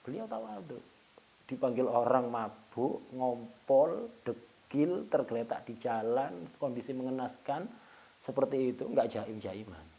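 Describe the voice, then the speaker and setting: Man telling a religious story, animated. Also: medium pitch, unhurried, gravelly. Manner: storytelling, acting out dialogue with sudden loud and soft turns; jokes and chuckles with listeners. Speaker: religious teacher. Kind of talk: Islamic study lecture.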